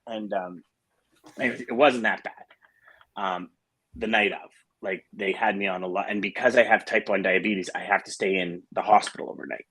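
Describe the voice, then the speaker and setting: A man's voice: lowish voice, fairly even intonation, moderate pace, a bit bright, breathy edge. A middle-aged man hosting a casual morning show, talking in a rambling way with restarts and fillers. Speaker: host.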